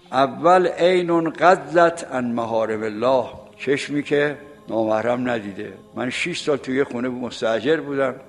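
Elderly male preacher, late 70s, gravelly voice, folksy storyteller, long reverb from a mosque hall. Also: medium pitch. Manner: recites Arabic sayings slowly, then explains them in plain speech. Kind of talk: sermon.

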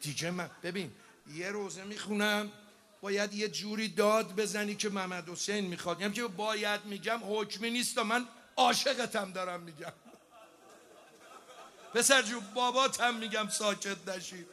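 A man leading a religious mourning gathering, switching between impassioned speech and chanted lament and calling on listeners to cry out. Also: high-pitched. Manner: shouts and cries out, urging the audience to weep and respond.

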